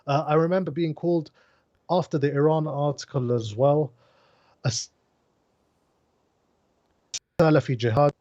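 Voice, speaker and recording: A man's voice: fairly high pitch, steady tone, unhurried, pauses often, dark tone, no echo. Casual man, first language Pashto, co-host, talking over a breaking-up remote call with dull lo-fi sound, dry. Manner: loose and conversational, peppered with "like" and "bro". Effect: bad, breaking-up online call connection. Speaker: podcast co-host. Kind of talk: casual podcast chat.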